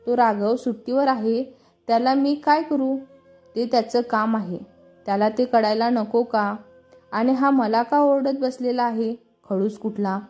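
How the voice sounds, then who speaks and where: A sulky young woman bank clerk grumbles in a low, mellow voice, as a woman narrator puts her on. Soft background music plays under this storybook telling. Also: steady tone, measured pace, close to an everyday voice. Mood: irritated.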